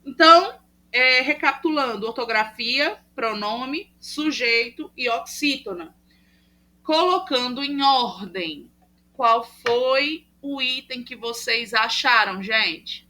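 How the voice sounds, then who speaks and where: A woman's voice: fairly high pitch, slow pace, bright, forceful tone. A woman teaching a class over a video call, explaining step by step with patient fillers. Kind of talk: online class lecture. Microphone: computer mic on a video call.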